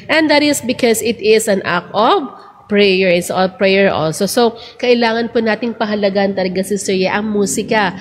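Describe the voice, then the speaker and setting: A woman's voice: medium pitch, normal speed, big-room sound, slight background noise. A woman hosting a casual religious talk, chatty and earnest, switching between Tagalog and English. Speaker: church program host.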